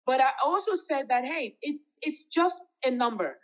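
A woman's voice: high voice, lively intonation, moderate pace, low-quality recording. A woman in her fifties, an interview guest talking in an emphatic, laughing way with big upward swoops. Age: 50s. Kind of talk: casual interview chat.

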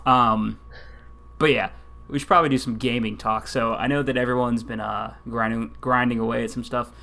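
A man co-hosting a podcast, talking in a relaxed, rambling way. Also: medium pitch, normal speed, vocal fry. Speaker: podcast co-host. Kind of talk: casual chat.

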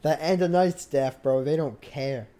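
A man's voice: on the high side, measured pace, dark tone. A young American man in casual, slangy banter with friends, peppering his talk with bro. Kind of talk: casual chat.

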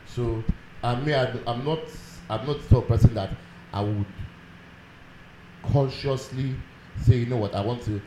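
A man's voice: medium pitch, fairly even intonation, normal speed, pauses often. A man with a Nigerian accent in a casual group chat, earnestly explaining his view with worked examples. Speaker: panelist. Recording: echoey room with background noise.

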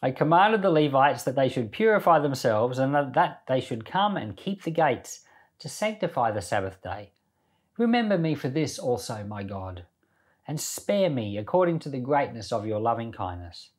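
A man with a mid-range, very animated voice hosts a Bible podcast at a moderate pace. He reads scripture with expression and emphasis, then comments on it informally.

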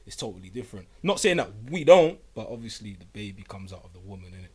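A man's voice: lowish voice, sing-song, fast talker, darkish tone. A man with a London roadman accent, chatting casually and using street slang. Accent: London, urban street slang style. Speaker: father of two. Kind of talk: casual group chat.

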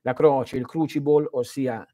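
Male live-stream teacher, mid-pitched, earnest and didactic, dry close sound, loud stresses that fall to near-whispers. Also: steady tone, measured pace, no room sound. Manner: earnest, didactic, speaks straight to listeners. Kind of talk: answering viewer questions in a live stream.

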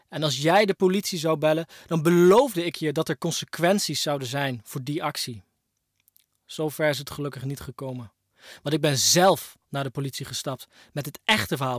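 A young man speaking a personal monologue to his ex-partner, moving between quiet reflection and raised, pained outbursts. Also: on the high side, dry recording, clean studio sound. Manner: emotional, addresses his ex-partner directly. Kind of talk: personal spoken-word monologue.

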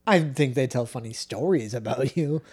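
A man's voice: mid-range voice, normal speed, darkish tone, husky. A young man co-hosting a podcast in casual chat, with short dry reactions and wry asides. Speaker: podcast co-host.

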